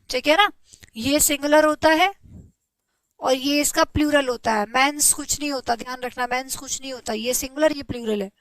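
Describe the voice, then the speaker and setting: A young woman teaching an English grammar class online, explaining patiently, checking in with her students and dictating example sentences slowly. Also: high-pitched, a bit bright, no echo, low-quality recording.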